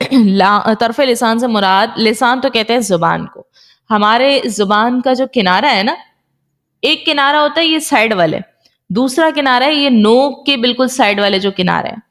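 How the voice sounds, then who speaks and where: Woman tajweed teacher, Pakistani Urdu accent, patient, slightly high voice, drills sounds slowly. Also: animated, fairly bright tone. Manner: patient, explanatory, repeats sounds slowly for practice. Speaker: Quran recitation teacher. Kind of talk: online tajweed lesson.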